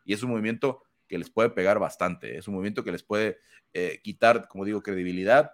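Male host, lower register, emphatic panel commentary with tag questions. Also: fairly quick. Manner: fluent, emphatic, many fillers and tag questions. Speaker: host of an MMA analysis panel.

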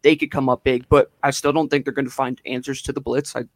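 A man co-hosting a sports podcast, giving emphatic, animated opinions in casual chat. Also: medium pitch, fast talker, dry recording. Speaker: podcast co-host.

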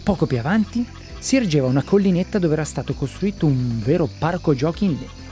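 A storyteller giving a lively, expressive reading of a children's story. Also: mid-range voice, fast talker, faint music behind.

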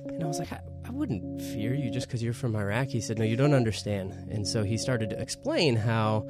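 A man co-hosting a podcast, casually retelling a story in a relaxed, chatty way. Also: medium pitch, brisk, over music. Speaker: podcast co-host.

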